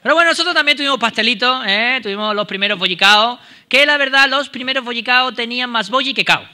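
A man doing a stand-up comedy monologue on a theater stage, animated and acting out the voices of the people in his stories. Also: very high-pitched, fast talker. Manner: animated, acts out quoted voices.

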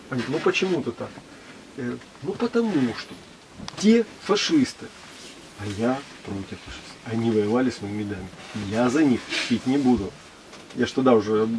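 A man's voice: medium pitch, darkish tone, slight background noise, rough recording. A man in his fifties telling stories in casual talk, earnest and insistent, often asking if the listener understands. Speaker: battalion veteran. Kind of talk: casual storytelling. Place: small glass-walled pavilion indoors.

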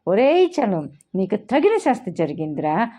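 A woman's voice: medium pitch, sing-song, moderate pace. A woman narrator voicing a bossy, short-tempered young husband who scolds and barks orders, in a storybook reading. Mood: furious. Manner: scolding, commanding, shouting. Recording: dull lo-fi recording.

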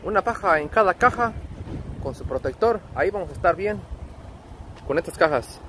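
A truck driver with a Mexican accent narrates his trucking vlog, chummy and slangy, treating viewers like buddies. His voice is high, expressive, and fairly bright, at a normal speed. Wind and vehicle noise from outdoors come through clearly.

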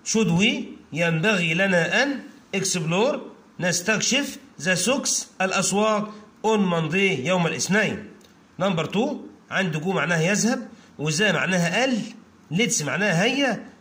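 A man with an Egyptian Arabic accent teaching an English lesson to children. He repeats phrases slowly, word by word, and often calls out to his pupils. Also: high voice, pushed and bright.

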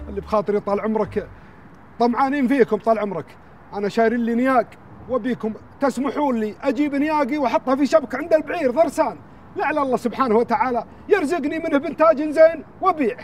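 A man playing an effusive Bedouin tribesman in sketch comedy, loud with flattery, speaking with a Gulf Bedouin Arabic accent. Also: very high voice, racing, slight background noise. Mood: flattering.

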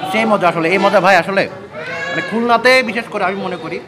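Fast-talking guy chewing while he talks, high voice, loud crowd behind in a busy eatery. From Bangladesh. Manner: chatty, eager, mixes in English words. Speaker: food vlogger host. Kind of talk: casual food review vlog. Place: busy restaurant, indoors.

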